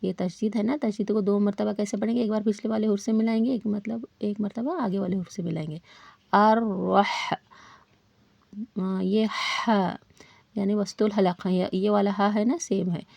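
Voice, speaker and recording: A woman teaching Quran recitation in a patient step-by-step lesson, repeating each rule and pausing to ask her learners questions. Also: mid-range voice, fairly even intonation, creaky, warm tone, slightly rough, no room sound. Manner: slows down to model Arabic sounds.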